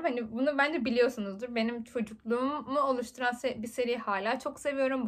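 A woman in her twenties chatting very fast and excitably while unboxing books for her vlog. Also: high voice. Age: 20s. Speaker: book vlogger. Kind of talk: casual unboxing chat.

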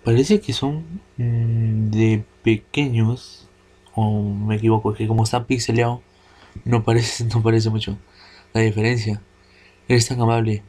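Low-voiced man commentating gameplay. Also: steady tone, a little slow, mellow, slightly rough. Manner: thinks aloud, hesitant, laughs often. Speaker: let's play gamer.

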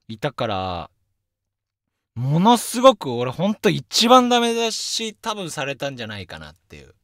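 A young man hosting a casual solo radio talk show, telling stories in an animated way and poking fun at himself. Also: medium pitch, no echo, studio quality. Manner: lively, animated storytelling with self-deprecating asides. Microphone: studio microphone.

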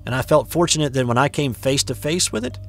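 A man hosting and narrating a submitted story in a measured, expressive read. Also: mid-range voice. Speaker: host and narrator. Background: faint background music.

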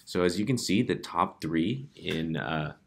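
A man presenting a data analytics dashboard demo in a relaxed way, with frequent fillers. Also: deep voice, unhurried, creaky. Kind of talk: casual software demo walkthrough.

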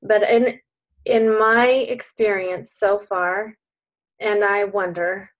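An earnest woman coach talks her online group through their beliefs, emphatic and encouraging at a medium pitch. Her voice comes over a video call with dull, lo-fi sound. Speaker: coach leading a group class.

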